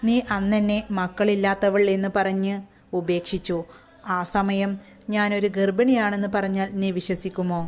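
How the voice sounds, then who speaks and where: A wounded but composed young mother speaks with quiet, measured reproach, as a woman narrator gives her lines. The voice is smooth and clear, read as a storybook part in an ordinary middle register. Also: medium pitch, flat delivery, close to an everyday voice. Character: hurt, dignified young mother, calm and firm.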